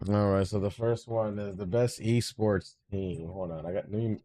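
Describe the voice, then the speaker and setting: A man's voice: lowish voice, steady tone, normal speed, warm tone. A young man co-hosting a casual gaming podcast, joking in an offhand way. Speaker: podcast co-host. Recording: faint background noise.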